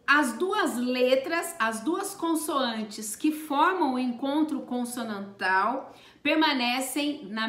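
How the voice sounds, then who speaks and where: Slow, bright-voiced woman teaching grammar. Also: high-pitched, reverberant. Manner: spells out letters and stresses example words. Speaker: Portuguese teacher. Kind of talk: slow, deliberate grammar lesson.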